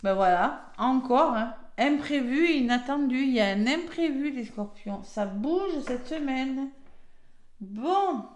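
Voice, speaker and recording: A woman's voice: high-pitched, lively intonation, takes it slowly, echoey room. A woman with a French accent giving a chatty weekly tarot reading, full of fillers and tag words. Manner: chatty, filler-heavy, frequent "hein". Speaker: tarot reader.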